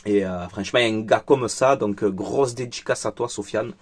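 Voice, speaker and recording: A man's voice: lowish voice, moderate pace, breathy edge. A man doing a casual football debrief, frank and chatty, angry and upset after a loss. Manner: frank and chatty, with many fillers. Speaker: football vlogger.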